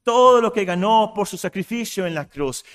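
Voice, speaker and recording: Man, preacher, sermon, passionate, repetitive emphasis, high voice, lively intonation. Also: normal speed. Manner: passionate, repeats phrases for emphasis.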